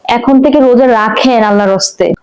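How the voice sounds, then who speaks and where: A woman's voice: fairly high pitch, normal speed, a little mellow, smooth, close to an everyday voice. A woman playing a pious wife, speaking earnestly and imploringly in a short film drama. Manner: earnest, pleading, respectful.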